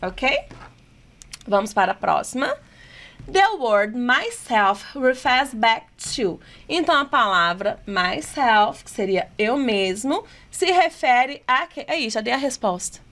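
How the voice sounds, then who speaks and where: A woman with a Brazilian Portuguese accent, an English teacher going through exam questions, asking rhetorical questions and reading the English items slowly and deliberately. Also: fairly high pitch, big pitch swings, a bit bright. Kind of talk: exam-prep lesson explaining test questions.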